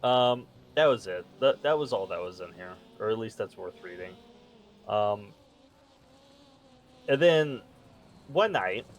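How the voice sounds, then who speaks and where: A man's voice: lowish voice, animated, a little slow, pauses often, slight background noise. A man co-hosting a podcast in casual chat, rambling as he reads his notes aloud. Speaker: podcast co-host.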